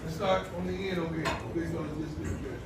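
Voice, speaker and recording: A football coach briskly telling players to introduce themselves at a team meeting. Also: male voice, on the high side, steady tone. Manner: brisk, giving instructions. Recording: distant very echoey clip with loud noise.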